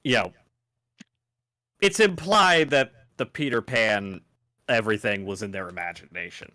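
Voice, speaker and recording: A man's voice: on the low side, a little slow, pushed and bright, no room sound, studio quality. A man in a casual chat while a game is played, talkative and opinionated about movies.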